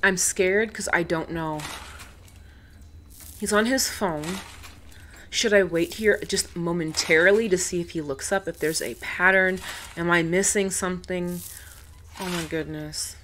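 Excitable woman with a lowish voice. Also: a little slow, pauses often, slight background noise. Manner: excitable, exclaims and talks to the game. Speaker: gaming video creator. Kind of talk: let's-play commentary.

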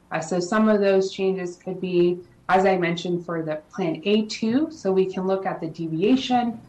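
A woman consultant giving a formal presentation to a city council, explaining plans in a measured way with frequent ums and uhs. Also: medium pitch. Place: council chamber. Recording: echoey chamber audio.

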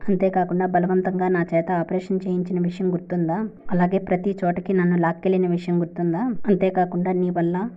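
A woman's voice: on the low side, level tone, fairly quick, lightly acted. A woman voicing a frightened, indignant young woman doctor, pleading and protesting. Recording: tinny phone-like dry recording.

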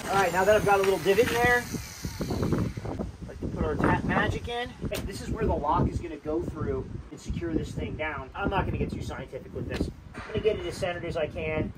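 A man's voice: high voice, a little fast. A young man, a mobile welder, casually explaining his work outdoors, laid-back and cursing now and then. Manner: laid-back, swears casually, plugs gear. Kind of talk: casual how-to narration. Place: outdoors beside a trailer. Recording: loud generator noise outdoors. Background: loud engine and work noise.

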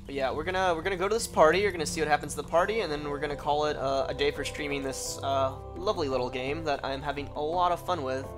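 A man's voice: fairly high pitch, fairly even intonation, quick pace, hardly any pauses, music in the background. A man streaming a video game, chatting casually with joking, rambling asides and plenty of swearing. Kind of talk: casual gaming stream chat.

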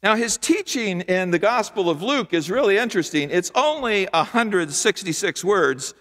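An older man preaching a sermon from a church pulpit, with rhythmic, repetitive phrasing and emphatic pauses. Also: high-pitched, animated, a bit bright. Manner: gestures broadly with both hands while preaching. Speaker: pastor. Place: large church sanctuary, at a wooden pulpit. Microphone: pulpit microphone. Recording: long church hall reverb.

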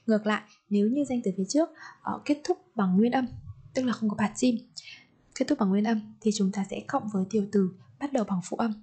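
Husky-voiced woman teaching grammar. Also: a little high, mellow. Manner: patient, repeats example sentences slowly, asks learners questions. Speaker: Korean language teacher. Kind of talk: grammar lesson for learners.

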